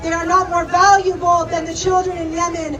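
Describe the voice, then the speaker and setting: Her voice very high-pitched and her tone level, a fast-talking young rally speaker gives an impassioned, emphatic outdoor protest speech full of repeated phrases. She is recorded from a distance at a crowded rally, with loud street noise plus crowd and vehicle sounds.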